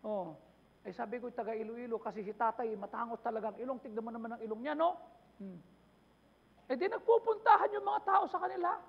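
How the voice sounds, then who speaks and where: High-pitched gravelly man preaching. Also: animated, fairly quick, lo-fi sound. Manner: impassioned preaching mixing Tagalog and English, repeated rhetorical questions. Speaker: pastor. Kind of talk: sermon. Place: church.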